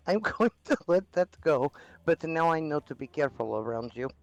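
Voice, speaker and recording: A man's voice: a little high, big pitch swings, a little slow, gravelly, full character voice. A man playing a courteous, self-deprecating townsperson who speaks formally and a little hesitantly in a role-play game. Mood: mock indignant. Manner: formal address, hesitant murmured agreement. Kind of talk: improvised in-character role-play chat.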